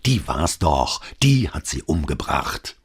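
Man doing a gossipy newsagent, gloating, conspiratorial, very deep, husky. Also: very animated, takes it slowly, full character voice. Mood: gossiping. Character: gossipy male newsagent relishing bad news. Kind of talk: audiobook dialogue.

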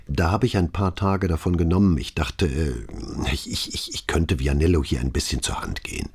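A male narrator voicing an eager, dutiful young policeman who answers his superior respectfully and briskly. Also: extremely low pitch, a little mellow, husky, exaggerated voice.

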